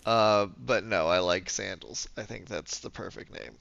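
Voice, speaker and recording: A congested man who is losing his voice streams a game, chatting in a low-key, rambling, self-mocking way. His voice is unhurried, gravelly, and fairly bright. The lo-fi recording sounds dull, with music behind him and slight background noise.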